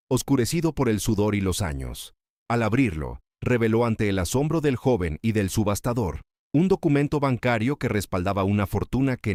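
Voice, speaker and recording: A man's voice: fairly low pitch, darkish tone, dry recording, studio quality. A man narrating a scripted dramatic story in a solemn, literary storytelling manner.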